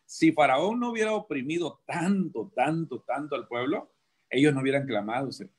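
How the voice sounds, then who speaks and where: A man's voice: on the high side, animated, normal speed, breathy edge. A man, a prison preacher, talking through his faith on a radio show with many rhetorical questions and restarts. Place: radio studio.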